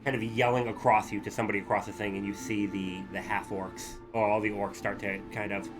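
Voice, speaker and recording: A man working as game master, improvising tabletop game narration in a halting way. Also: fairly low pitch, flat delivery, music in the background. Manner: halting, piecing descriptions together.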